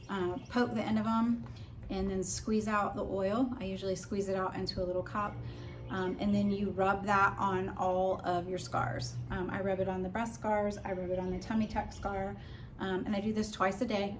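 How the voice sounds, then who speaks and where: A woman vlogger chatting casually and informally as she explains practical tips. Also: medium pitch. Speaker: vlogger giving a personal recovery update. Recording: clear background noise.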